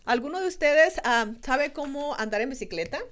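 A woman with a fairly high voice delivers a sermon. She talks to the congregation as if in conversation and repeats her key lines to drive them home. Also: expressive, normal speed, a bit bright. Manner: repeats phrases for emphasis. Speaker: preacher.

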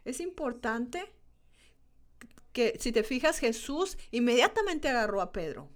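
A woman with a fairly high voice delivers a sermon. She talks to the congregation as if in conversation and repeats her key lines to drive them home. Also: sing-song, unhurried. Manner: repeats phrases for emphasis. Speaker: preacher.

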